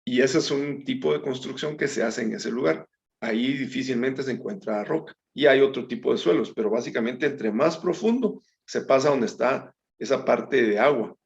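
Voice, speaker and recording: Speaking at a normal speed with a medium pitch and some vocal fry, a man leads a Bible study in a chatty manner. He refers to his listeners as brethren and reads scripture aloud with small slips, all captured in a dull lo-fi recording.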